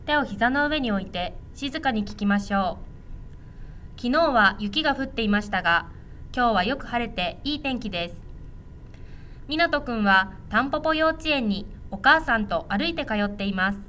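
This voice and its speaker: A woman reads a storybook aloud to young children, gentle and clear. Her voice is high and bright. A faint background noise sits under it. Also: expressive, normal speed.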